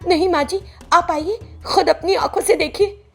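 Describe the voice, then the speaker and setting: A woman's voice: high-pitched, expressive, moderate pace, faint music behind, pitched above the performer's own voice. Woman voicing a meek pleading young wife. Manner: pleading, soft. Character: meek, mistreated young daughter-in-law.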